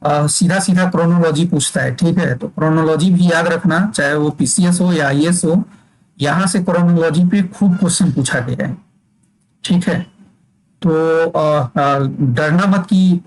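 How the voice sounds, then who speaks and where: In a low-quality recording, a male teacher with a somewhat high voice runs an exam-prep class. Speaking in a steady, explanatory tone, he dictates points slowly so students can take notes and pauses to make sure they're keeping up.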